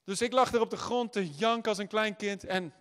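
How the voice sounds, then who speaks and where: High-voiced preacher in a reverberant hall. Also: male voice, fairly quick, smooth. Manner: builds from soft storytelling to shouted proclamation. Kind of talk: sermon.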